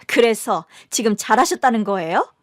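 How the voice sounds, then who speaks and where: A woman's voice: a little high, animated, moderate pace, no echo, studio quality, lightly acted. A woman voicing a haughty, wealthy middle-aged mother-in-law who talks down to others, in a radio drama. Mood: scornful.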